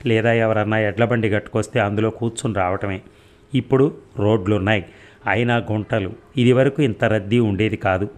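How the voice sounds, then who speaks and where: A man narrating a serial story in a measured storytelling manner. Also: on the low side.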